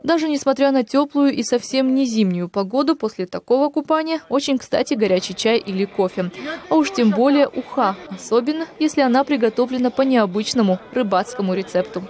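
A woman's voice: a little high, animated, brisk, crowd noise. A woman reporter delivering scripted narration for a television news report.

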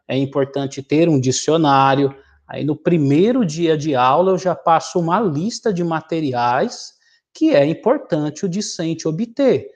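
A middle-aged man from Brazil teaching a vocabulary lesson, reading a word list slowly and explaining each entry. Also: on the high side, darkish tone, muffled recording. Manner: slow, deliberate reading of word lists with explanations. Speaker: Greek teacher.

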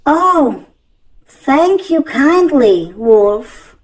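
A polite, innocent little girl put on by a man, chirping in a high falsetto. The voice rises and falls in a sing-song way. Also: sing-song, drawn-out words, exaggerated voice, poor audio.

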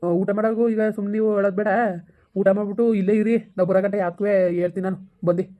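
A man's voice: high voice, steady tone, very fast, narrow, tinny audio, lightly acted. A man playing a stern but caring village elder who lectures. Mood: soothing. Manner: scolding, lecturing, then soothing. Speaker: elder villager in a comedy skit.

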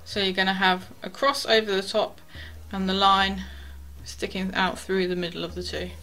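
In a small wooden cabin, close to a camera, a young sailing instructor chattily guides viewers through tying knots step by step, with quiet asides as she works the rope. Her medium-pitched voice stays fairly flat at a moderate pace; the audio is poor, with soft music in the background.

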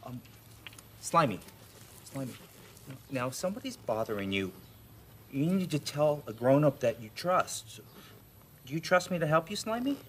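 A man's voice: a little high, very animated, moderate pace, pauses often, a little hiss or hum. A middle-aged man playing a caring, sensible neighbor, earnest and reassuring, in a children's show.

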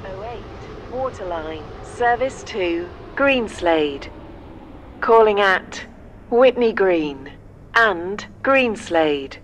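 A woman's voice: mid-range voice, lively intonation, extremely slow, slight background noise. A woman's recorded station announcement voice, built from spliced-together words with jumpy volume between them.

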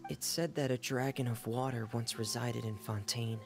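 Man doing a shy young diver, timid, soft-spoken, gravelly, faint music under. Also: mid-range voice, steady tone, moderate pace, lightly acted. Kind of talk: game voice acting.

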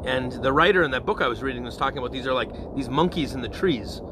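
A man's voice: medium pitch, fast, noisy background. A man, a parish priest, giving an informal evening prayer reflection in a conversational way, often checking in with his listeners. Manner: conversational, often checks in with "okay?" and "all right?".

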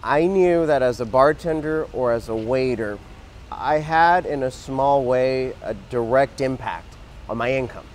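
A man's voice: medium pitch, measured pace, slight background noise, low-quality recording. A man in his thirties, born in Mexico and raised in Texas, earnestly telling his story as an interview guest outdoors on a lapel mic. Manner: earnest, talks with his hands, frequent restarts. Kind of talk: casual interview. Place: outdoor garden plaza.

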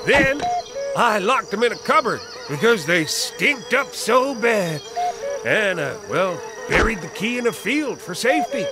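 A man's voice: high-pitched, big pitch swings, measured pace, over music, heavily acted. An actor voicing a bossy, blustery male fire chief in a kids' cartoon, drilling a new recruit. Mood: folksy. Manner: blustery, commanding.

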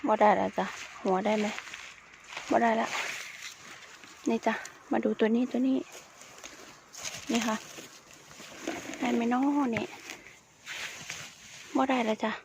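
A woman with a Northeastern Thai Isan accent narrates as she forages outdoors in rural scrubland, her voice gravelly with fry. She talks at an unhurried, slow pace, full of excited exclamations and chatty asides to her viewers. A faint hum of countryside and animals sits behind her. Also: a little high. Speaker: vlogger foraging wild mushrooms. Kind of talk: casual running commentary.

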